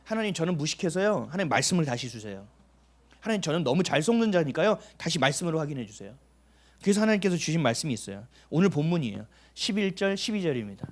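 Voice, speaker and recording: Animated male pastor with a high voice. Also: fast talker. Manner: animated storytelling, acting out dialogue; emphatic rhetorical questions. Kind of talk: sermon.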